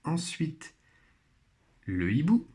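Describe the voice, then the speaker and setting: Slow, careful male teacher. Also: on the high side, wildly swooping pitch, warm tone. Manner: slow, patient, articulates sounds and syllables carefully. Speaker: primary school teacher. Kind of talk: recorded remote phonics lesson.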